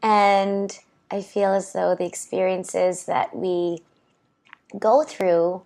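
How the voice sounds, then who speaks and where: A woman's voice: medium pitch, flat delivery, slow pace, a little mellow. A young woman guest in a casual interview, talking with her hands and rambling through lots of fillers on a clip-on mic. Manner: rambling, many "like" and "you know what I mean" fillers.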